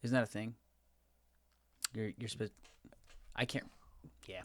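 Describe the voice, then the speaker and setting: A man's voice: on the low side, fairly even intonation, a little slow, no room sound. A man co-hosting a podcast, a tax preparer chatting in an easygoing, joking way. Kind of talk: casual chat.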